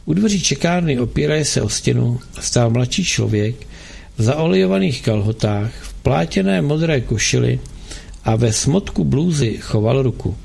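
A man reading a novel aloud in a measured storytelling way. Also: medium pitch, expressive, vocal fry, darkish tone, husky. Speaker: narrator. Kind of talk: scripted narration of a novel.

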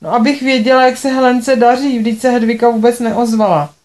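A woman's voice: a little high, fairly even intonation, a little mellow, voice pushed up, close to an everyday voice. A woman voicing a tearful, reproachful middle-aged mother with an accusing, whiny manner.

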